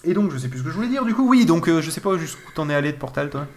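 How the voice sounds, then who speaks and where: A man's voice: fairly high pitch, sing-song, racing. A man in casual chat, describing a video game with many fillers and restarts. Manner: rambling, hesitant, lots of fillers. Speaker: video game podcast co-host.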